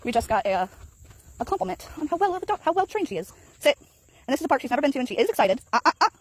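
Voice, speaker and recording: A woman dog trainer walking a dog in an outdoor park, explaining calmly and praising the dog in high sing-song bursts. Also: racing, no echo. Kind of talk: casual vlog narration while training a dog. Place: outdoor park path near geese.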